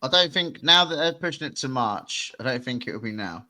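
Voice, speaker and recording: A young man, talking loosely and joking with friends on a podcast. His voice sits at an ordinary middle pitch. He chuckles between lines and keeps the chat relaxed. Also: fairly quick. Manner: laid-back, jokey, chuckling. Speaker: podcast co-host. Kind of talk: casual chat.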